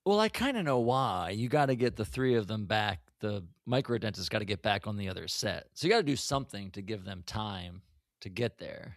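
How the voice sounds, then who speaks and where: A man co-hosting a casual podcast, chatting in an animated way and laughing often. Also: on the low side, a little fast, dry recording, studio quality. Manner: animated, laughs often, acts out quoted lines. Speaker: podcast co-host. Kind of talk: casual retrospective chat.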